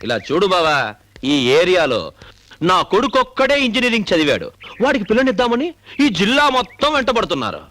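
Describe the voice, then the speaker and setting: A man's voice: high-pitched, huge pitch swings, a little fast, a bit bright, full character voice. An actor playing a boastful, pushy middle-aged village father who talks in an overbearing, persuasive way. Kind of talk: film dialogue.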